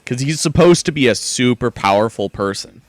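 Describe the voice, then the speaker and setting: A man's voice: medium pitch, animated, moderate pace, dry recording. A man live-streaming a game, chatting casually with rambling asides and fillers. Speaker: gaming streamer.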